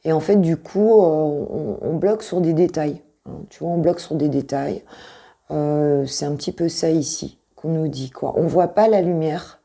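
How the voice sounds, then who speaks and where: A woman's voice: sits low, moderate pace, vocal fry, mellow. A French woman coaching intuitively, talking casually through a tarot reading with many hesitations and repeated points.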